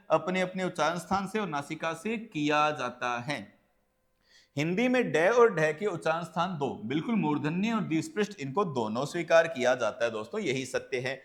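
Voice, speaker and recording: A man with a slightly high voice teaching an exam-prep lesson at a close mic. He asks and answers his own questions and keeps checking in with the class as he walks through each point. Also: fairly bright tone. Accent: Hindi. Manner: calls listeners friends, often adds "right?".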